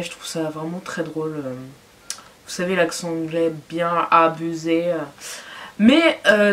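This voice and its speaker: A young adult woman chatting enthusiastically in a casual fashion and beauty haul vlog, with lots of fillers. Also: fairly low pitch. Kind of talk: casual haul video chat.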